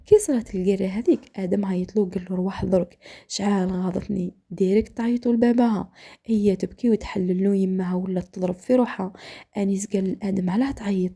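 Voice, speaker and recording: A woman with an Algerian accent telling a dramatic story while cooking, often dropping to a hushed whisper, with a gravelly voice. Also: mid-range voice, fairly even intonation, fast.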